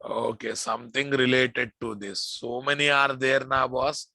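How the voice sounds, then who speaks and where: An Indian-accented programming instructor gives an informal live classroom lecture, repeating phrases and addressing his students familiarly. His mid-range voice has vocal fry and a sharp tone, with fairly even intonation and a measured pace, recorded dry.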